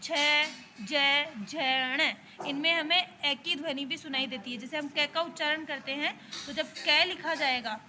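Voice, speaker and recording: A woman's voice: sits high, normal speed, few pauses, sharp tone, soft background music. A woman with an Indian accent, a school teacher, giving a grammar lesson to young children and explaining each point patiently, over and over. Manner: patient, repetitive explaining with frequent checks.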